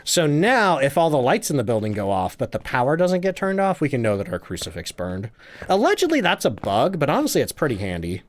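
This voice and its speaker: Brief: male streamer, higher voice, very animated delivery, chatty live game commentary. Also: fairly quick. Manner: chatty, animated, laughs often. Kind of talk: live gameplay commentary, reading chat.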